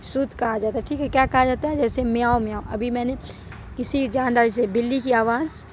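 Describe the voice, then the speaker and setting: A woman's voice: fairly high pitch, steady tone, a little mellow, a little hiss or hum, rough recording. A young woman teaching an exam-prep grammar lesson, who keeps saying "ٹھیک ہے" and quizzes her listeners.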